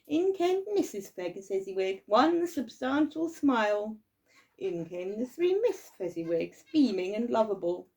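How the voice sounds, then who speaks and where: A woman reading a classic story aloud live, expressive, with occasional fumbled words. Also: medium pitch, unhurried. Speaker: reader.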